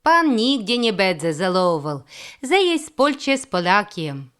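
A woman's voice: mid-range voice, big pitch swings, moderate pace, fairly bright tone, smooth. Female reader as a stiff, polite Polish-accented clerk in an audiobook, formal and firm.

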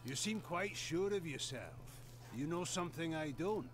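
An actor playing a sceptical, questioning townsman in a dark fantasy video game. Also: fairly high pitch, animated, normal speed, very noisy, lightly acted. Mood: doubtful. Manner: doubtful, questioning.

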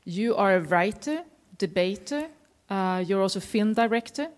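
A woman's voice: mid-range voice, expressive, moderate pace. A woman hosting a museum panel, introducing guests and colleagues with many hesitant fillers. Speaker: museum host.

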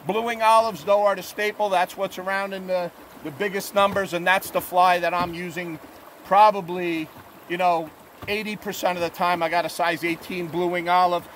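Speaking to a camera fixed on the boat at arm's length, a fishing guide reports on conditions in an easygoing, unpolished way, filling gaps with "uh." His voice is fairly high, and faint rushing river noise sits beneath it outdoors.

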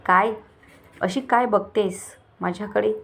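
A woman voicing a haughty young woman who shouts insults at a rival in a read-aloud story. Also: mid-range voice, takes it slowly, gravelly. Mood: scornful. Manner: shouting, contemptuous.

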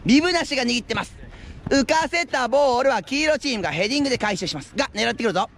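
High-pitched man shouting rising goal commentary. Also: vocal fry. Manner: excited rising goal calls with drawn-out shouts. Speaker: futsal referee and live play-by-play commentator. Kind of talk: live sports commentary. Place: outdoor floodlit futsal pitch at night. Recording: outdoor action camera with ambient noise.

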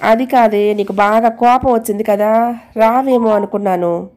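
A woman's voice: fairly high pitch, fairly even intonation, normal speed, a little mellow, close to an everyday voice. A woman voicing a tired, irritated housewife who speaks sharply and sarcastically. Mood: soft.

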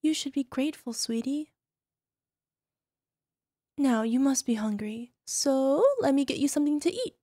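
Here a woman in a very high, girlish voice acts as a young yandere wife, talking to the listener in ASMR roleplay with a dark tone, a slightly slow pace and long pauses. She sounds delighted and doting as she coos and coaxes, though a possessive, controlling menace runs underneath. The audio is dry, without echo or room sound.

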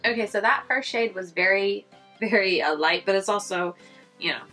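A young beauty vlogger does a makeup tutorial close to the camera in a small room at home, chatting casually and rambling with plenty of fillers. Her voice sounds stuffy and congested, medium-pitched at a moderate pace, bright and forceful, with soft music in the background.

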